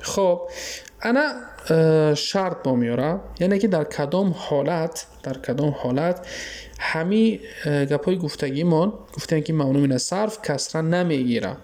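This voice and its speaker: A man with a Tajik accent gives a classroom grammar lesson in a somewhat high but dark, mellow voice. He keeps stopping to ask whether his listeners follow, and he hesitates often with drawn-out filler sounds. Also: animated. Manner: keeps checking understanding with quick questions. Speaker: teacher of Arabic grammar.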